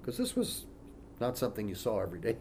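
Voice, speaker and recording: Over slight background noise, a man's low-ish voice moves fast as he teaches as a pastor, reading scripture aloud and slipping in informal asides and many "you know" fillers in a relaxed, conversational way.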